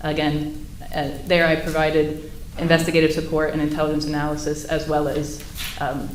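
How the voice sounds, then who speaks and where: Her voice sits low and monotone as she testifies at a moderate pace; she's an expert witness and sheriff's intelligence commander explaining matters in procedural terms. The setting is an indoor courtroom, recorded with echo and faint noise.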